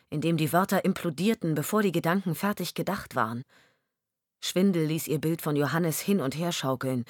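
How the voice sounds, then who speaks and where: Woman audiobook narrator, low-pitched, dry close studio sound, measured expressive reading. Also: husky, dry recording. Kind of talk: scripted narration.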